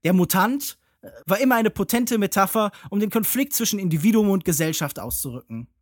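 A man's voice: high-pitched, expressive, a little fast, no room sound. Male podcast critic: intellectual, elaborate phrasing, analytical, dry close recording. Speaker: film podcast panelist. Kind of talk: analytical film discussion.

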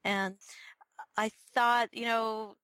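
A middle-aged woman from Israel, a neurobiology professor, answering interview questions thoughtfully with many pauses and restarts. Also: fairly high pitch, little pitch movement, fairly bright tone, clear, resonant tone, no echo, rough recording. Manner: thoughtful, lots of ums and restarts.

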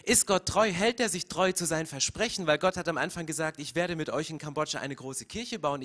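High-voiced impassioned male preacher. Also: fairly bright tone. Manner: impassioned, acts out quoted prayers with rising emotion; repeats words when searching, direct address to listeners. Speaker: pastor. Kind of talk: sermon.

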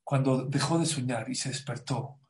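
A man giving a Torah class as a sermon, animated and preacherly, rising to loud emphatic bursts. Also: mid-range voice, normal speed.

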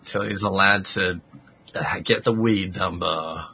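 A man co-hosting a casual podcast, joking around with quick asides about game lore. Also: sits low, sharp tone, slightly rough. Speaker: podcast co-host.

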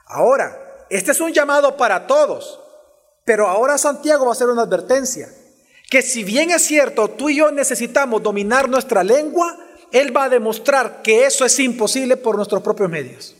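A high-pitched man delivers a teaching sermon, speaking straight to the people in front of him and pressing his points with changing emphasis. His voice carries a long reverb from a large church hall. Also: expressive, normal speed. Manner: expository preaching, shifting pace and emphasis, addresses congregation directly. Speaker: pastor.

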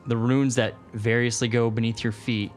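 A man's voice: medium pitch, flat delivery, normal speed, soft background music. A man narrating a tabletop game as game master, improvising as he goes.

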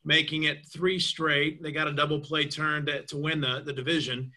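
A man's voice: fairly high pitch, little pitch movement, moderate pace, bright, forceful tone, low-quality recording. A man casually reminiscing about past seasons, hesitant and checking his facts aloud. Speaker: former baseball broadcaster.

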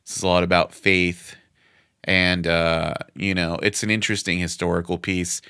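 A man's voice: low voice, flat delivery, normal speed, sharp tone, clear, resonant tone, dry recording, clean studio sound. A man reviewing this week's movies on a casual talk show, earnest and prone to stammered restarts. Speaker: film reviewer co-host. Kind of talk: casual podcast chat about movies.

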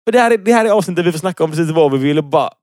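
A man's voice: on the high side, animated, a little mellow, no room sound, clean studio sound. A man co-hosting a casual rant podcast, teasing his partner, cutting in and swearing freely. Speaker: podcast co-host.

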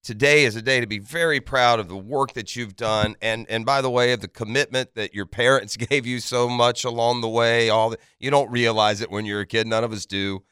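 A man's voice: mid-range voice, fairly even intonation, brisk, few pauses, fairly bright tone, clear, resonant tone, no echo. A man hosting a morning sports radio show, talking in an earnest, emphatic, conversational way straight to his listeners. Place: radio studio. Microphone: close studio microphone.

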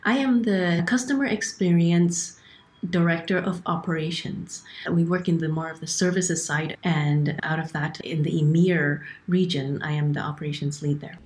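A woman's voice: sits low, fairly even intonation, normal speed, a little mellow. A middle-aged woman from Hong Kong, a guest on a podcast interview, explaining things earnestly with frequent restarts over a remote call. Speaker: guest, operations director.

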